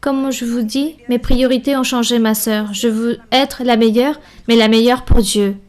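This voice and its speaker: Higher-voiced woman interpreting a Bible study. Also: steady tone, normal speed, a little mellow.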